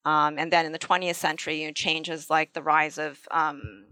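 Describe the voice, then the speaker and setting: A woman's voice: sits low, level tone, normal speed, sharp tone, no echo. A woman historian answering interview questions, hesitant with many ums and repeated starts. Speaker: guest historian.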